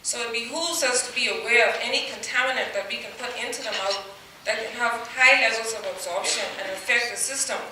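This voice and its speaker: A woman's voice: a little high, a little fast, sharp tone, slight background noise. A middle-aged woman from the Bahamas, a dentist giving an earnest public talk, stressing key words with frequent "um" fillers. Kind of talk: public presentation. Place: large hall, voice heard from afar. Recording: echoey hall from far off.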